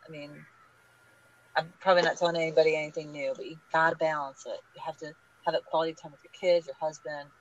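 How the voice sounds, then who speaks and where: A woman guest on a podcast interview, talking in an energetic, emphatic, advice-giving way. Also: sits low, fast, a little hiss or hum. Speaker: guest, small business group leader. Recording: dull lo-fi audio.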